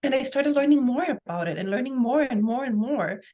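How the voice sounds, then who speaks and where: A Guatemalan woman, a family constellations practitioner and life coach, tells her story conversationally as an interview guest, enthusiastic and emphatic. Her high voice is animated and warm, her pace brisk, though the recording sounds muffled.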